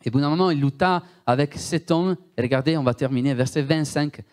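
Preaching with a thick Italian accent, this Italian-born man has a somewhat high voice for a man and a darkish tone. His delivery runs a little fast, and he is emphatic, repeating words and frequently turning to the congregation with questions.

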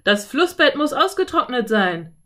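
A woman voicing rough male cowboys, loud and grumbling. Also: mid-range voice, moderate pace, natural voice. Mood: shouting. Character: rough adult male cowboys, gruff horse thieves.

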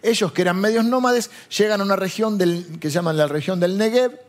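A man with a Rioplatense Spanish accent gives a loose, chatty sermon full of digressions and frequent questions to his listeners. His voice is high-pitched, and he speaks fairly quickly.

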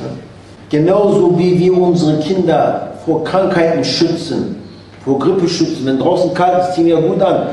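A man teaches in a conversational sermon, often turning to his listeners with questions. His voice is somewhat high but mellow. He sounds far from the mic, in a very echoey room with a faint hiss. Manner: conversational, asks the audience questions, often adds "ne?". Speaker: religious teacher.

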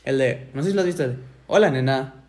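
A man's voice: mid-range voice, racing, a little mellow. A man with a Mexican accent co-hosting a podcast, chatting casually in slang and swearing often. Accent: Mexican Spanish. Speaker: podcast co-host. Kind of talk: casual chat.

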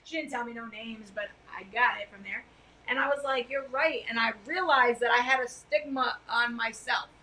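A middle-aged woman co-hosting a podcast, chatting casually on a couch in a loud, emphatic way. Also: a little high, moderate pace, a little hiss or hum, poor audio. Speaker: podcast co-host. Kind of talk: casual chat. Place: living room couch.

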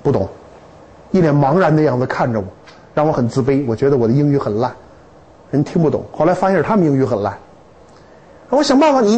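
Husky, animated male lecturer. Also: a little high, poor audio. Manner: animated, humorous storytelling with rhetorical questions. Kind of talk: lively classroom lecture. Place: lecture hall with students.

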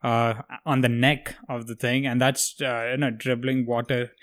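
A man hosting a relaxed, loose chat, casual and swearing freely. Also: mid-range voice, normal speed. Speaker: host.

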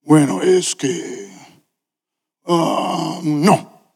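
A man's voice: on the high side, drawn-out words, long reverb tail, exaggerated voice. A man voicing a stubborn husband who gives short, grudging replies in a sermon story. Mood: curt. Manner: curt refusals, then shouting in rapture. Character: gruff stubborn man turned repentant husband.

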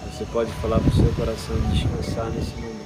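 A man with a Brazilian accent leading a guided relaxation meditation, speaking calmly and soothingly in short, spaced-out instructions. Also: lowish voice, a little fast. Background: music behind the voice.

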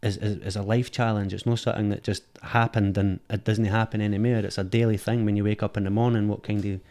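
Speaking fast in a low, darkish voice with little pitch movement, a middle-aged film director from Edinburgh reflects candidly as an interview guest. His Scottish accent is clear, and he often repeats words while searching for the right ones. He's recorded on a dynamic studio mic.

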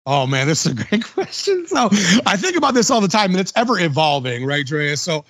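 A man's voice: on the high side, big pitch swings, a little fast, a bit bright, no room sound, clean studio sound. A man hosting a podcast in casual chat, enthusiastic and full of slang like dude and bro. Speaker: podcast host.

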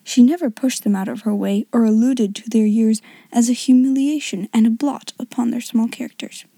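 A woman narrates an audiobook in a soft, half-whispered voice. Her tone is dark and mellow, breathy and husky, and the recording is close and dry with no room sound. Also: a little high, fairly even intonation, normal speed, no room sound.

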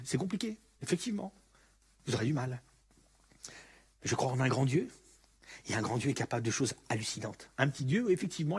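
A man preaching a sermon as a pastor, animated, acting out the voices of the story. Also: medium pitch, husky. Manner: animated, acts out the story's speakers.

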